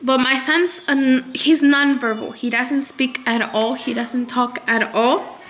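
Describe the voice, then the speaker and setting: Woman, mother vlogger, high voice, fighting tears, frustrated, halting speech. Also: steady tone, fairly bright tone. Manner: halting, hesitant, full of restarts; frustrated and upset. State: holding back tears. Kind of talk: emotional personal vlog.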